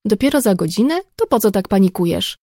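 A woman voicing a calm, teasing friend who stays unhurried. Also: mid-range voice, no echo, clean studio sound.

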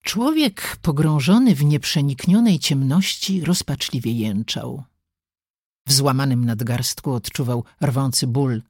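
An audiobook narrator telling the story in an expressive, dramatic way. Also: medium pitch, a little slow, breathy edge, dry recording, clean studio sound. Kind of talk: scripted narration.

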